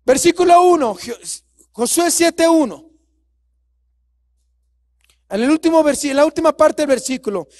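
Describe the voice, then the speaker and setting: A man preaching a sermon, animated and mocking as he acts out churchgoers. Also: very high voice, normal speed, pauses often. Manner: animated, mocking, plays out voices.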